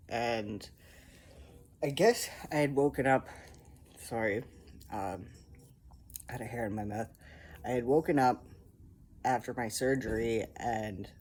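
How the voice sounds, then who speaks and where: A young man talks through a loose personal update at an average pitch, wandering from point to point with plenty of ums and likes. He records at home, and a faint hiss of background noise sits under his voice. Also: a little mellow. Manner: rambling, filler-heavy storytelling. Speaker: vlogger. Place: home, indoors. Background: faint animal noises.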